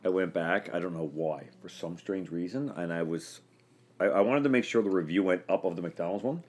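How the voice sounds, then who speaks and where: A man with a very low voice, hosting a relaxed podcast conversation. He jokes around and laughs often between stories. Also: a little fast. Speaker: podcast host. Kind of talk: casual chat.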